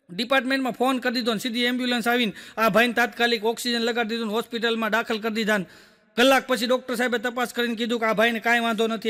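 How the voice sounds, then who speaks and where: A man doing stand-up comedy, telling jokes rapidly and acting out the dialogue of his characters. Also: very high-pitched, pushed and bright, big-room sound. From Gujarat, India. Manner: rapid joke telling, acting out quoted dialogue, frequent rhetorical "બોલો". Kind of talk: Gujarati joke telling on stage.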